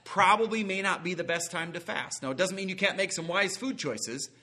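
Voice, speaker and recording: A man's voice: sits high, fairly quick, bright, forceful tone. A man preaching a sermon in an earnest, folksy way, sometimes acting out quoted voices. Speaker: guest preacher.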